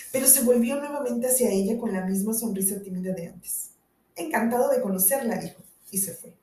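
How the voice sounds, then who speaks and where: A woman narrating a novel in a steady, measured way, with a few small slips, in a roomy recording from a distant mic. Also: fairly high pitch. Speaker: audiobook narrator. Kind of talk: scripted narration.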